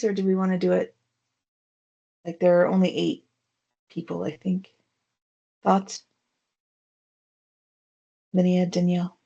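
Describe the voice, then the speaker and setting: A woman leads an online team meeting over a video call, chatty and friendly with frequent fillers. Her medium-pitched voice is mellow and husky with vocal fry, and the audio is dull and lo-fi.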